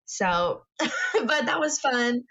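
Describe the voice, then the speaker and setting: A woman's voice: a little high, expressive, extremely slow, fairly bright tone, lo-fi sound. A young woman co-hosting a podcast, telling a story animatedly with lots of swearing. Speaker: podcast co-host. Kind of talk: casual chat.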